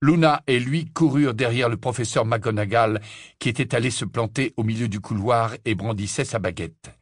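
A man reading a storybook aloud as narrator, with an expressive delivery. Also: mid-range voice, normal speed, dry recording, studio quality. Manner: expressive reading, varied intonation. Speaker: audiobook narrator.

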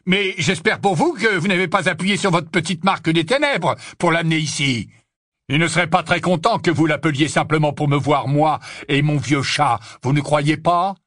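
A man voicing a gruff old male barman who is defiant and scornful, shouting and mocking. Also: fairly high pitch, normal speed, no room sound, studio quality, voice pushed up, lightly acted.

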